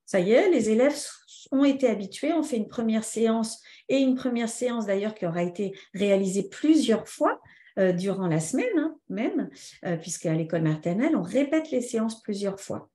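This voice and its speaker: A woman trainer giving a live online lesson, lively and answering viewers' comments by name. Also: on the high side, moderate pace, roomy sound. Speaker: teacher trainer.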